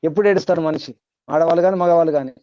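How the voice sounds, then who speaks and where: A man's voice: on the high side, rapid-fire, mellow, no echo, muffled recording. A man giving a spiritual discourse to a class, repeating points, chanting Sanskrit verses and quizzing his listeners. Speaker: spiritual teacher.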